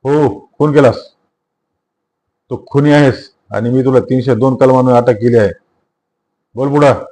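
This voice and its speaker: A stern male police inspector from a spoken novel, loud and scornful as he arrests a man, voiced by the man reading the book. His orders come out hard and mocking, the voice of a man used to being obeyed. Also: medium pitch, steady tone, a little slow, close to an everyday voice. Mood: angry.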